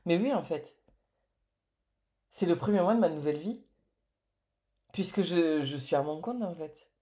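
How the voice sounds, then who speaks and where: A woman's voice: lowish voice, lively intonation, a little slow, warm tone. A woman in her late thirties chatting to camera in a casual vlog, effusive and full of hesitations. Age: late 30s. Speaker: entrepreneur and vlogger.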